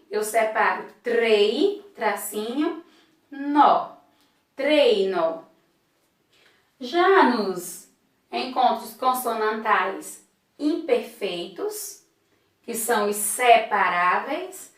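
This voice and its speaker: A woman's voice: fairly high pitch, fairly bright tone, distant mic. A woman teacher, patiently explaining a lesson and sounding out syllables one at a time. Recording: echoey room, voice off-mic.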